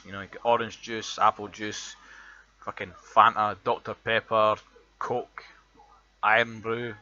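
Scottish man with an Edinburgh accent, lowish bright voice, chatty vlogger who swears freely, muffled home recording. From Scotland. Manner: chatty, swears freely, reads a word list. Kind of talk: casual accent tag vlog.

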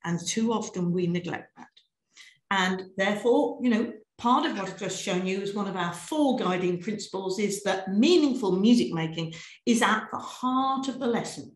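A British woman leading a piano teachers' webinar, lively and encouraging, singing and chanting rhythms as she demonstrates. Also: medium pitch, moderate pace, roomy sound.

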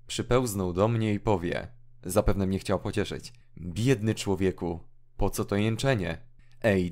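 A brooding, feverish young hermit, read by a man in a deep, slow, mournful voice. His lines turn restless and anguished as he speaks. It is an audiobook drama reading. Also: darkish tone. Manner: mournful, rising into agitated outbursts.

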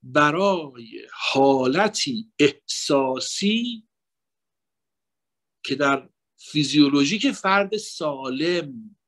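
A man with a somewhat raised pitch and a husky, breathy voice delivers a mourning-night lecture. His delivery is emotional and rhetorical, climbing into emphatic peaks and then dropping to near-whispered asides. His intonation moves all over the place. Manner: swings between raised emphatic phrases and hushed asides; lively, emotional, rhetorical address to the audience. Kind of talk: religious lecture blending psychology and sermon.

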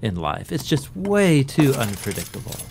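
Lively male explainer narrator. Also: mid-range voice, moderate pace, creaky, slight background noise.

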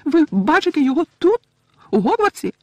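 A man voicing a weepy, loyal female house-elf who talks in a shrill voice with broken grammar in an audiobook. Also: sing-song, fairly quick, no echo, exaggerated voice. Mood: shrill upset.

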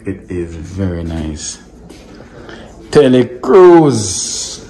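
This man's voice is deep and his words are drawn out as he gives a laid-back tour of a guest villa. Talking directly to the viewers, he calls them "guys" and tends to say things twice.

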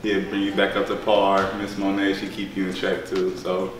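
A man's voice: low-pitched, completely flat delivery, moderate pace, slight background noise. A young man who is a barber student, talking in a laid-back way with casual slang in a school room. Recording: echoey room from a distance.

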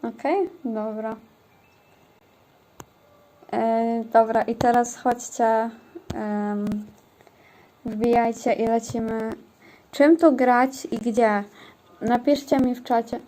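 Woman game streamer, high-ish voice, slow, casual chatter with viewers. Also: fairly even intonation, warm tone, slight background noise. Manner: chatty, talks to chat and teammates. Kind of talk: casual livestream chat while gaming.

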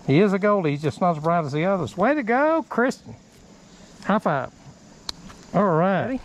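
Middle-aged man, outdoor fishing host, high voice, encouraging coach, faint water behind. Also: expressive, normal speed, slight background noise, rough recording. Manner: encouraging, gives short repeated instructions. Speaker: fishing bait company host. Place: outdoors by a creek. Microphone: body-worn action camera. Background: running stream water.

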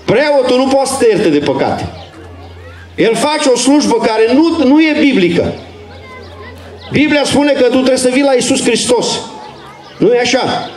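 A man's voice: very high voice, expressive, long pauses, a little mellow, roomy sound, a faint crowd. A man preaching an open-air street sermon in an earnest, urgent, exhorting way.

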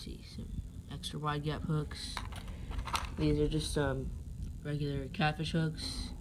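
A man with a fairly high voice gives a slow, level-toned, unscripted tour of his fishing tackle, rambling hesitantly and adding uncertain asides. He films on a phone held above the gear in a carpeted room at home, and the rough recording has obvious background noise.

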